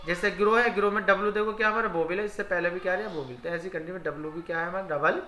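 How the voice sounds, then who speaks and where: Bright-voiced teacher, echoey room. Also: male voice, high-pitched, fairly even intonation, very fast, a little hiss or hum. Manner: asks rhetorical questions and answers them himself; repeats each English rule in Hindi. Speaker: English teacher. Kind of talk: spoken grammar lesson.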